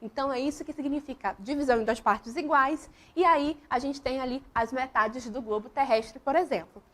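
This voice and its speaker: A woman's voice: sits high, moderate pace, a bit bright. A woman teaching a school grammar lesson, walking through examples step by step and often putting questions to the class. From Brazil.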